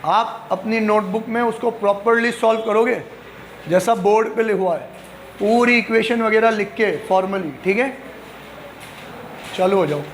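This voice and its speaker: Brief: male accounts teacher, high voice, quizzes students and then answers himself, playful, faint room noise. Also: a little slow, long pauses. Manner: asks questions and answers them himself; mixes English terms into Hindi speech. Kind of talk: classroom lecture.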